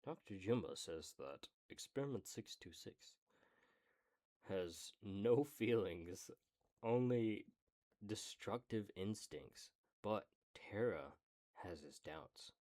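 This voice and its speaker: Male streamer, reading aloud; deep-ish voice, slow and relaxed delivery, casual with profane asides. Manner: casual, swears in side remarks.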